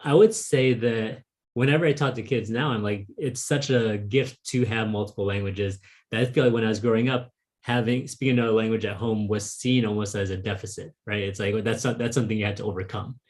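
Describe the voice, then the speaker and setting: A man whose first language is Vietnamese interviews a fellow author over a video call in casual conversation. His voice is fairly low and darkish, quick and fairly even in intonation, and he speaks thoughtfully with frequent "like" and "um" fillers.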